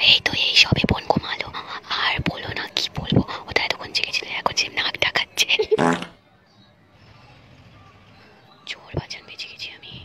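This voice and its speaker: A young woman plays a sister who sneaks hushed late-night phone calls to her boyfriend in a comedy skit. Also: a little high, natural voice. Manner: hushed, conspiratorial whispering into a phone. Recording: noticeable background hiss.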